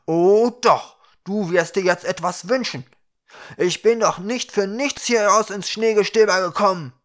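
A man voicing a huge, fat, glowing fire creature, impatient and stubborn, gruff and insistent in a storybook reading. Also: on the high side, moderate pace, fairly bright tone, natural voice. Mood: angry.

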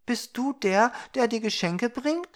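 A man voicing a small, shy girl with a soft, high, timid voice in a storybook reading. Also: animated, a little slow.

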